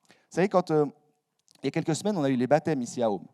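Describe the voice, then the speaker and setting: A young male preacher gives a sermon in a church hall with a relaxed, conversational delivery. His voice is mellow and a little high for a man. He drops in slang and pokes fun at himself as he talks. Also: rapid-fire. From Switzerland. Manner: casual, youthful slang, self-mocking asides.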